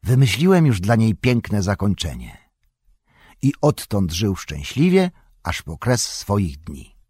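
A man voicing an irritable, possessive old male hobbit in an audiobook, in a higher, agitated voice. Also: very animated, husky, no room sound, clean studio sound, exaggerated voice. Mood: wistful. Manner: higher, louder, quick and agitated. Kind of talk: audiobook character voice.

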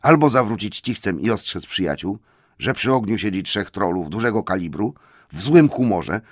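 A man narrating a storybook with a lively, expressive delivery. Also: lowish voice, moderate pace, no room sound, clean studio sound. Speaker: audiobook narrator.

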